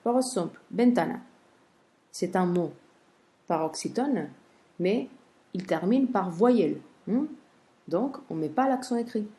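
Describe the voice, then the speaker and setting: A woman teaching a grammar lesson in French, speaking slowly and carefully, with many soft "hmm" pauses between steps. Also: mid-range voice, lively intonation. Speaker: Spanish teacher.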